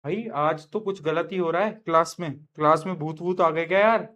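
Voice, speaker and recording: A man's voice: on the high side, brisk, fairly bright tone, lo-fi sound. A man teaching a live online science class in Hindi, chatty and teasing his students, slipping into English terms.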